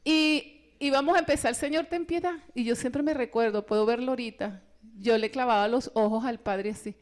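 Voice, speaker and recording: Animated high-voiced woman. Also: fairly quick. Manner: animated storytelling, acting out quoted voices. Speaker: retreat speaker. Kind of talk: personal testimony in a retreat talk.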